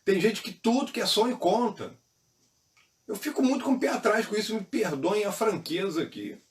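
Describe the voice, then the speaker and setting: A man's voice: high-pitched, expressive, normal speed, recorded from a distance. A man with a Brazilian Portuguese accent teaching a Sunday school Bible lesson in church, earnest, repeating key phrases.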